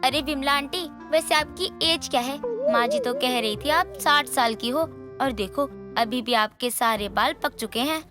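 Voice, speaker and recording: A woman voicing a blunt, fault-finding young daughter-in-law in an animated story. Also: sits high, moderate pace, over music. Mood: snippy. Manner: blunt, snippy.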